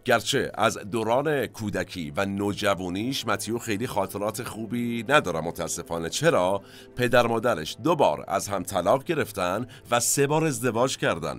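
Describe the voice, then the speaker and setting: A man hosting a cinema history podcast, telling stories in a conversational way with asides to his listeners. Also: fairly low pitch. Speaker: podcast host.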